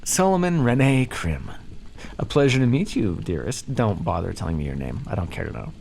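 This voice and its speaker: Coolly businesslike in mood, a man voices a smug, playfully menacing vampire captor in an ASMR roleplay, speaking to the listener with a theatrical, condescending, teasing drawl and pet names. His voice is lowish, creaky and a little mellow, sing-song at a moderate pace, with a faint hiss or hum.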